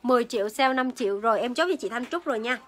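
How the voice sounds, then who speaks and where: Young female live seller: high-pitched, forceful bright tone, casual and repetitive patter to viewers. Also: racing. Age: young adult. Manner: repeats phrases while addressing viewers. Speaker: livestream seller. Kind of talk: casual live sales chat. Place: indoor beauty shop room. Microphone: phone at arm's length.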